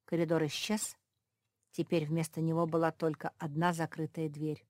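A woman reading a children's story aloud as narrator, in an even storytelling manner. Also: sits low, normal speed, dry recording, clean studio sound. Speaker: audiobook narrator.

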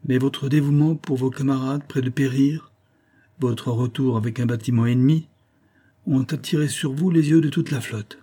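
A man doing a stern, measured old captain. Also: medium pitch, steady tone, dark tone, husky, voice pushed up, close to an everyday voice. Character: stern fatherly older male ship captain.

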